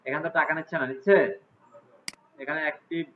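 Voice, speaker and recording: Male teacher, somewhat high voice, tinny phone-like audio. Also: fast, a little hiss or hum. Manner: casual, asks students frequent check questions. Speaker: computer class teacher. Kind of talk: live class walkthrough.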